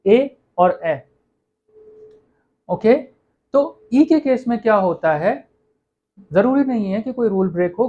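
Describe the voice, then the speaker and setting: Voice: medium pitch, darkish tone, lo-fi sound. A teacher giving an online lesson on French pronunciation, speaking patiently, often saying "okay" and correcting small slips.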